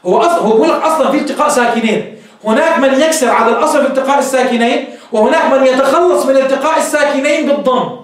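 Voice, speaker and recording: A sheikh teaches Arabic grammar in a very high-pitched voice at a very fast clip, working through the lesson step by step. He poses questions to his class and answers them himself. The room is very echoey and the mic sits far away.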